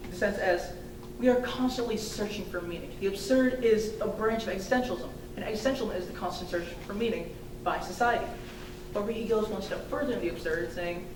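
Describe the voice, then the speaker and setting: Picked up from a distance in an echoey indoor room with a low rumble, a young adult student defends her thesis. She speaks haltingly, hedging with casual asides.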